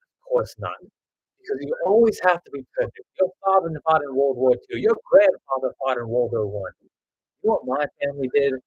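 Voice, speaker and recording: A man's voice: medium pitch, animated, brisk, breathy edge, no room sound, dull audio. A man voicing an envious, resentful rival who speaks in a spiteful, accusing way. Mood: bitter, accusing.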